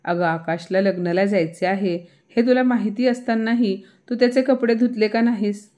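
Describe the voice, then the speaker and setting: A woman's voice: medium pitch, normal speed, dark tone, voice pushed up, close to an everyday voice. A woman voicing a proud older mother-in-law who scolds sharply in a family story. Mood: scolding.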